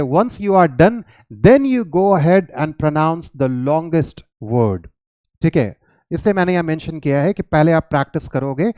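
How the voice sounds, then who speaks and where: A man with an Indian accent teaching English pronunciation to children, switching between English and Hindi and sounding out long words slowly. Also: on the high side, a little mellow, no room sound. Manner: mixes English and Hindi, addresses viewers as children. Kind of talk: classroom-style lesson to children.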